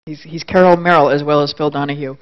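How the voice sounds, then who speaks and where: A man acting as emcee and introducing speakers at a conference, informal and halting. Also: on the high side, little pitch movement, clean tone. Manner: informal, halting, restarts phrases. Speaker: event emcee. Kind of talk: event introductions. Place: conference room with audience. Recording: dull lo-fi event audio.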